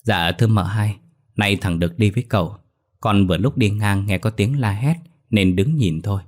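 A man voicing a sly young male servant who speaks softly and coaxingly in a ghost story reading. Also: lowish voice, normal speed, close to an everyday voice. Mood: deferential. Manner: soft, coaxing.

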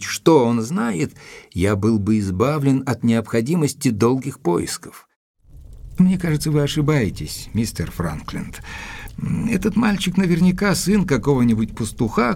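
In an audio drama's dialogue and narration, an actor with a medium-pitched voice plays an English gentleman doctor who is courteous and inquisitive. He speaks in a measured, polite and articulate manner.

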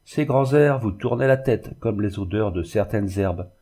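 A man's voice: fairly low pitch, a little slow, dark tone. A man reading the part of a bitter, sarcastic middle-aged glassmaker in a storybook reading. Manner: sarcastic and sneering.

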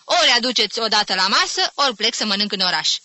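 A woman's voice: a little high, sing-song, sharp tone, heavily acted. A woman reading aloud, voicing an impatient young man curtly demanding his dinner. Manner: curt, demanding.

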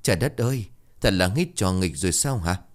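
A man's voice: sits low, lively intonation, a little fast. A man voicing a worried older man who anxiously pleads with a sleeping young worker to wake up.

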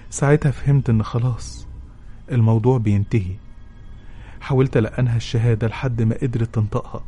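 A show host with an Egyptian Arabic accent reads a listener's letter with emotion, then offers advice. His mid-range voice is warm, steady and slightly rough, his pace quick, with faint music playing behind him.

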